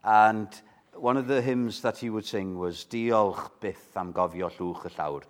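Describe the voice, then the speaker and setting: A man preaching an evening sermon at a pulpit microphone. He is earnest, swelling to loud emphasis and then dropping low. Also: unhurried.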